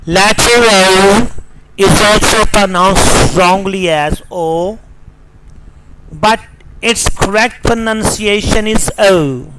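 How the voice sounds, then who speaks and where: A man with a Pakistani English accent teaching a slow, deliberate pronunciation lesson, spelling words out letter by letter. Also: high voice, very noisy.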